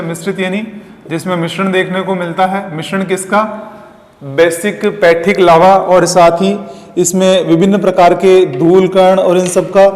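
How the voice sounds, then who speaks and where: Male teacher, high voice, long hall reverb; explains step by step, answers his own questions. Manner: draws diagrams while talking. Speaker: geography teacher. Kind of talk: classroom lecture. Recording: echoey, reverberant room.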